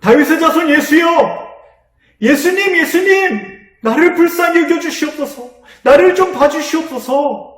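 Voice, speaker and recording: A man voicing a desperate blind beggar man, crying out in a pleading, shouted voice. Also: extremely high pitch, normal speed, recorded from a distance, pitched above the performer's own voice. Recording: echoey room.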